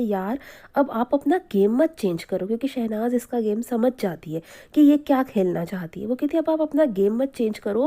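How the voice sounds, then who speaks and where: A woman's voice: on the high side, mellow. A woman giving a spoken review of a reality show, opinionated and repeating her points for emphasis.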